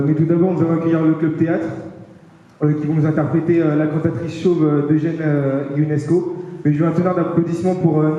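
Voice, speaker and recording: A teenage boy co-presenting a school show, announcing hesitantly with many pauses and fillers, in an echoey hall. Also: a little high, dark tone, dull audio. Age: teens. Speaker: event co-presenter. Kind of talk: live stage announcement.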